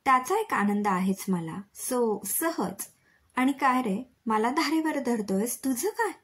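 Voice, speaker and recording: Woman reading as playful young college girl, teasing tone, breathy, raised and lively pitch, storybook voice. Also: takes it slowly, heavily acted.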